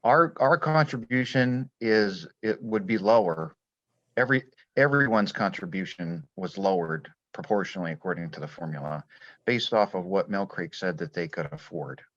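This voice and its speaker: Man, lowish voice, halting explanation, school official at board meeting, dull lo-fi recording. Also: fairly bright tone. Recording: dull, lo-fi sound in echoey room.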